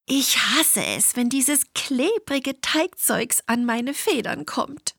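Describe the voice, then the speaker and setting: A woman's voice: high voice, animated, slow pace, vocal fry, a bit bright, no room sound, clean studio sound, voice pushed up, full character voice. Woman doing a vain whiny duck. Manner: whining, snorting.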